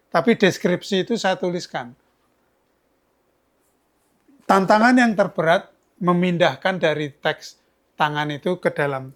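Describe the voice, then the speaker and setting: A man's voice: fairly high pitch, fairly bright tone. Older man, chatty storyteller. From Yogyakarta, Indonesia. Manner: chatty, storytelling, many restarts. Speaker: author guest. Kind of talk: casual interview talk.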